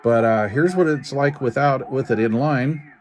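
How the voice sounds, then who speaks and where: This man, a radio repair technician who also hosts videos, has a voice of average pitch and explains his hands-on repair work in a folksy, informal way, thinking out loud. His speech is casual and halting, like an unscripted demo, captured on a handheld camera while he works.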